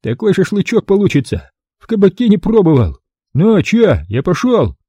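A man reading an audiobook, voicing a sullen, hungry male thug with a hoarse voice. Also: sits high, sing-song, normal speed, dark tone, dry recording, studio quality, voice pushed up, full character voice. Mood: sulky. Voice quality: hoarse, gravelly.

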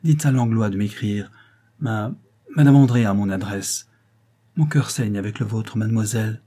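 A man reading aloud and voicing a sympathetic young male engineer who speaks in a warm, hushed, restrained way. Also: on the low side, moderate pace, natural voice. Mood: earnest.

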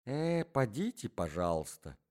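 A man's voice: medium pitch, very animated, unhurried, darkish tone, pitched above the performer's own voice. Man doing a terse whispering young man. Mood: hushed tense. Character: tense jealous young man, hushed and curt.

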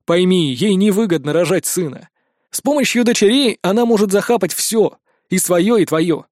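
A brash, laid-back gamer friend, read by a male narrator in an audiobook. He lectures bluntly, full of slang, in a fairly high voice. The sound is close and dry. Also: expressive, moderate pace, a little mellow, no room sound. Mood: lecturing.

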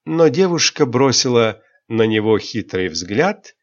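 Slow calm male audiobook narrator. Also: mid-range voice, dull audio. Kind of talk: scripted narration.

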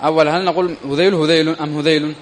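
A man giving a classroom grammar lesson, reading a text aloud slowly before stopping to explain it and question his students. His voice sits a little high for a man. The sound carries a long hall reverb. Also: steady tone, a little hiss or hum. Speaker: Arabic grammar teacher.

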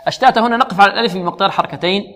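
A man teaching Quran recitation, slowly drilling pronunciation syllable by syllable and quizzing his students. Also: a little high. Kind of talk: tajweed lesson. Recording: long reverb, echoey hall.

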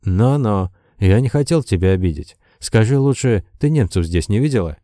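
A man voicing a calm, firm young pilot giving orders in a war audiobook. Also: lowish voice, moderate pace, dry recording, clean studio sound, natural voice. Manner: calm and commanding.

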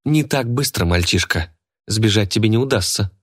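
A man's voice: lowish voice, expressive, moderate pace, slightly rough. A man voicing a spiteful, scheming woman who charms snakes, speaking in a contemptuous, snapping manner. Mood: sneering.

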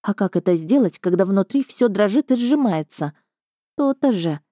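A woman reading an audiobook in first person, with even, measured storytelling. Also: mid-range voice, no room sound, clean studio sound. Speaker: audiobook narrator.

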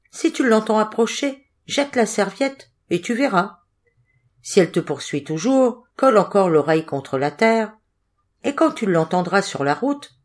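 Storybook cat, sly and scrawny, calm matter-of-fact delivery, read by a woman. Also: mid-range voice.

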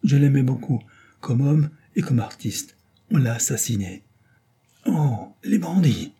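A man's voice: medium pitch, normal speed, dark tone, husky, voice pushed up. A man voicing a grieving, tearful male composer in an audiobook, speaking sorrowfully and earnestly.

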